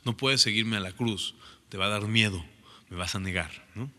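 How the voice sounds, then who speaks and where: Brief: male preacher, bright voice, chatty Bible teaching in a long reverberant room. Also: on the low side, moderate pace. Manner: reads scripture aloud, then comments with frequent rhetorical "¿no?".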